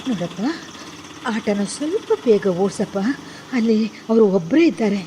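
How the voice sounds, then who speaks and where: A woman's voice: fairly high pitch, animated, moderate pace, noisy background, close to an everyday voice. An actress playing a frightened old grandmother in a radio drama, pleading and wailing over her dying husband. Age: older. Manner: trembling, pleading, breaks into wailing.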